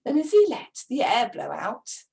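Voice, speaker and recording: A woman reads a rhyming story aloud slowly and dramatically. Her high voice swoops widely as she acts out every moment. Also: gravelly. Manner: dramatic, expressive, with gasps.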